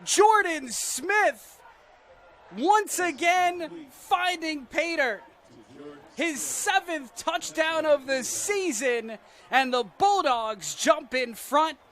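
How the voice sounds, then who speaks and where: An American man doing live football play-by-play, making an excited, drawn-out touchdown call. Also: extremely high pitch. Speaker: play-by-play commentator. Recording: clear background noise, outdoor stadium ambience.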